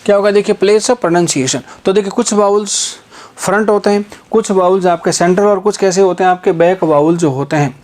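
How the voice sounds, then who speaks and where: A man's voice: high voice, steady tone, darkish tone. A man is teaching a phonetics class for exam students. He keeps asking rhetorical questions and stretches out the sounds he uses as examples. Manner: repetitive rhetorical questions, drawn-out vowel examples. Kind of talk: exam-prep phonetics lesson.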